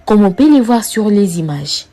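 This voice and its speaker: A woman reading a scripted news report in a formal, measured way. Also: medium pitch, sing-song, crowd noise.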